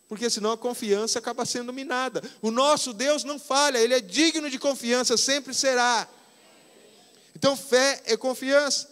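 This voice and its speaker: A Brazilian man in his fifties, a pastor preaching conversationally and slowing down to stress key phrases. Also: extremely high pitch, fairly bright tone, clear, resonant tone, long reverb tail. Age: 50s. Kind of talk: sermon. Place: church hall.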